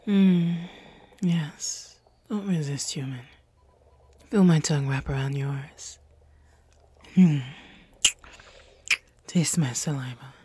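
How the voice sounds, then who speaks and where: A woman's voice: deep voice, takes it slowly, long pauses, dark tone, slight background noise. A woman playing a possessive, seductive female alien in an audio roleplay, teasing and commanding in a whispery voice.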